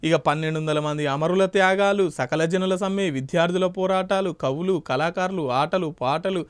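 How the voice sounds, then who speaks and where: Sarcastic Telangana-accented man, high and quick. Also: smooth. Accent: Telangana Telugu. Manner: sarcastic, needling. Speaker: satirical news host. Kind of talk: mocking commentary on clips.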